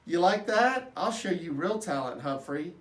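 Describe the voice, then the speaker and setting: A man voicing a jovial, chatty male night janitor from a children's storybook, booming and folksy. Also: lively intonation, measured pace, fairly bright tone. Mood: playful. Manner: hearty, folksy, playful. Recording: roomy echo, distant microphone.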